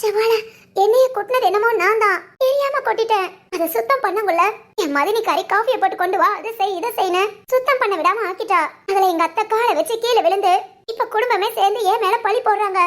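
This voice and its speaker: A tearful young wife in a family cartoon who has been wronged, voiced by a woman. She pleads in a wounded, very high voice. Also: fairly quick, a bit bright. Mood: pleading. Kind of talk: cartoon voice acting.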